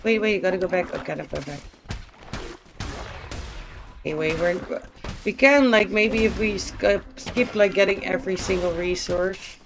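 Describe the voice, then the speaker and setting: A woman's voice: mid-range voice, normal speed, long pauses, a little hiss or hum. A woman streamer chatting casually and thinking aloud while she plays a game, with the odd swear word. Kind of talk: casual live gameplay commentary.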